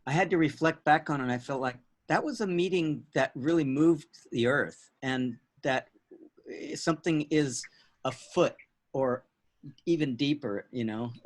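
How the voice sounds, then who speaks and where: A man's voice: mid-range voice, a little slow. A man chatting casually on a video call, supportive and a little jokey. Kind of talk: casual chat.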